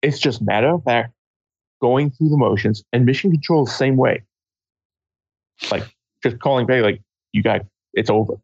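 A man co-hosting a casual film discussion, rambling with halting restarts, on a dull lo-fi recording. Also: medium pitch, a little mellow, breathy edge, no room sound.

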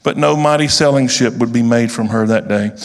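Man reading a story in an echoing hall. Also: mid-range voice. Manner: slow, with deliberate pauses. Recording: long reverb of a large hall.

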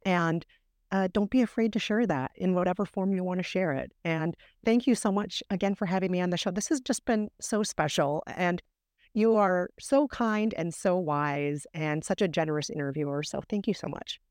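A woman's voice: fairly low pitch, normal speed, a little mellow, smooth, no room sound, clean studio sound. A woman podcast guest explaining things in an emphatic, encouraging way, repeating words for emphasis. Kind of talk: explanatory interview talk.

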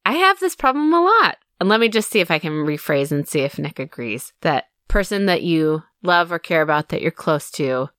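A woman with a notably low voice co-hosts a podcast, chatting casually and teasing her partner with playful jokes. Her voice sounds dry and close to the mic, with no room around it. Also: big pitch swings, moderate pace, few pauses, fairly bright tone, no room sound. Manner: playful, jokey. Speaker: podcast co-host. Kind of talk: casual chat.

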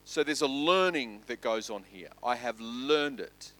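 A man pastor preaching a sermon, building loud and quick through lists and then dropping to soft, slow emphasis. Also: mid-range voice, animated.

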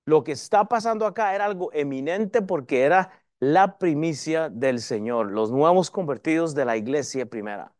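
A pastor with a high-pitched voice preaching a sermon. He speaks in a lively, varied way, and the dry, close sound carries no room echo. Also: normal speed, few pauses.

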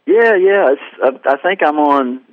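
On a tinny phone line, a guest musician tells a long, rambling story with plenty of self-deprecation and acted-out dialogue for a casual storytelling interview. His voice is fairly high and animated at a moderate pace, sounding dry and close with no room sound.

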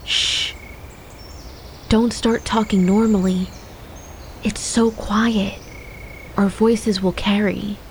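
Hushed young woman as a man puts her on, slow and careful. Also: high-pitched, flat delivery, a little hiss or hum, pitched above the performer's own voice. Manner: hushed, soft-spoken.

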